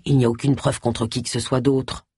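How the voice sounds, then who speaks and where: Narrator puts on a worried older man for an audiobook mystery, deeper and wary, husky, close and dry. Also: little pitch movement, fairly quick, warm tone, no echo. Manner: hesitant, apprehensive. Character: older male friend, cautious and worried.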